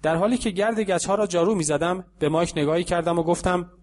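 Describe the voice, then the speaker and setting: Calm, slightly higher-voiced male narrator. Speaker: audiobook narrator. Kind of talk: scripted audiobook narration.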